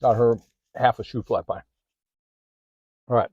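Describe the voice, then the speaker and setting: A man's voice: medium pitch, steady tone, a little slow, a little mellow, breathy edge, dry recording, lo-fi sound. A man hosting a casual food vlog, chatting as he eats, sometimes with his mouth full, filming one-handed in a parked car. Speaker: food vlogger. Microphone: handheld phone or camera.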